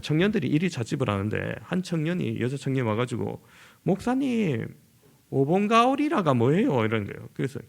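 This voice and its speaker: A middle-aged male pastor from southern Korea preaches with a rough, gravelly edge in his voice. His pitch rises and falls freely, and he slips into lively voices to act out conversations. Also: racing, few pauses. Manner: animated, acts out everyday dialogue in lively voices. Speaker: senior pastor. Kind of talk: sermon.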